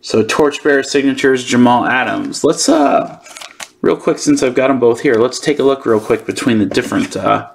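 Male host for hobby unboxing video, medium pitch, informal chatty delivery, talks through thoughts as they come. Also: moderate pace, gravelly, breathy edge. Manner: informal, thinking aloud. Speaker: host of a sports card channel. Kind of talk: casual unboxing commentary.

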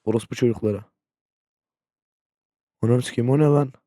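A man's voice: mid-range voice, normal speed. A young man giving profane, jumpy commentary while playing a horror game, with a game hum behind him. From Turkey. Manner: profane, loud, jumpy reactions. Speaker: gaming YouTuber. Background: generator hum from the game.

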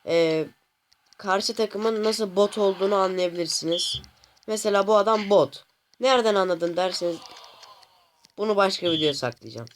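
A man hosting a gaming channel, commenting casually on his gameplay to viewers, often exasperated and complaining out loud at the game. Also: high-pitched, normal speed, a little hiss or hum. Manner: talks to viewers directly.

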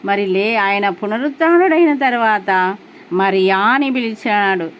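A woman's voice: a little high, takes it slowly, slight background noise. A woman preaching a sermon in an earnest way, asking her listeners questions as she goes.

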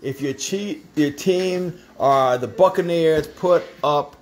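A man's voice: a little high, slow pace. A man hosting a home cooking live stream, chatting with viewers while filming on a phone in a kitchen. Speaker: cooking show host. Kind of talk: casual live-stream chat. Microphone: handheld phone camera.

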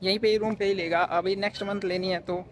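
A man's voice: high-pitched, fairly even intonation, fast talker. A young man filming a casual vlog on a phone held at arm's length, chatting and teasing his friend in slangy banter as he walks through city streets and markets. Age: young adult. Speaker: vlogger. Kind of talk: casual handheld travel vlog. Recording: phone recording with loud crowd. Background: crowd noise.

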